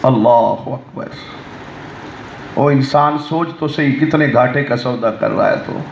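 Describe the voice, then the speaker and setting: A man preaching an emotional sermon with a Pakistani Urdu accent, telling a story in a voice that swings from soft pleading to loud cries. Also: medium pitch, gravelly, slight background noise. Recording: echoey, dull lo-fi sound.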